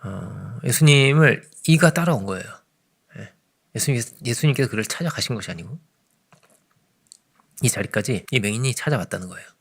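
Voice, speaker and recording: Gravelly-voiced man preaching conversationally. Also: mid-range voice, animated, a little fast, long pauses. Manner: conversational preaching, frequent "그죠?" asides, sudden swings between loud and hushed. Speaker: pastor. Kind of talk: early morning sermon.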